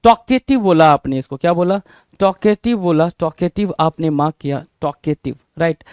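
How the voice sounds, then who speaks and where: Energetic high-voiced vocabulary teacher. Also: male voice, normal speed, clean tone, no room sound, studio quality. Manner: energetic, drills words with repeated questions. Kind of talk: exam-prep vocabulary lesson.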